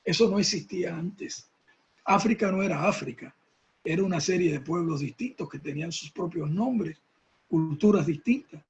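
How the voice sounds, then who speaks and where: A man with a husky, raspy voice, lecturing in an emphatic, reflective way with rhetorical repetition and tag questions. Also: a little high, moderate pace. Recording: dull lo-fi sound.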